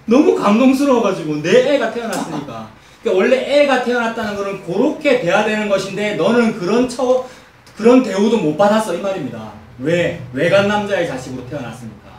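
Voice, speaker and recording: A man preaching an expository sermon as a pastor, emphatic and animated, telling stories and asking the congregation rhetorical questions. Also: high-pitched, brisk, a little hiss or hum. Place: church sanctuary. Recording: echoey church hall, mic at a distance.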